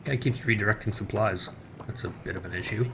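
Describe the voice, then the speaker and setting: A man's voice: on the low side, fairly quick, noisy background. A male streamer giving casual gameplay commentary, laid-back and thinking aloud. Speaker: streamer playing a video game.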